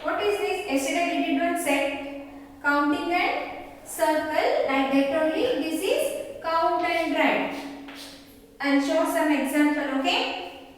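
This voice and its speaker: Very high-pitched woman teaching children to count, echoey. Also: slow pace, pauses often, a little hiss or hum. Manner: teaching a child to count, with simple repeated questions and phrases. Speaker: kindergarten teacher. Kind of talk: lesson for young children. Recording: echoey hall, far from mic.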